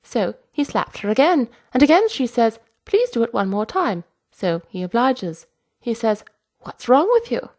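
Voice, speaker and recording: A woman's voice: fairly high pitch, sing-song, a little slow, hardly any pauses, a little mellow, pitched above the performer's own voice. A woman voicing a mild, nervous grown son who speaks hesitantly. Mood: chatty.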